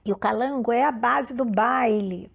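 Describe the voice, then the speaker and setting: Brief: woman with a gravelly, fairly high voice, reads aloud and comments, documentary interview. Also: moderate pace, no echo, clean studio sound.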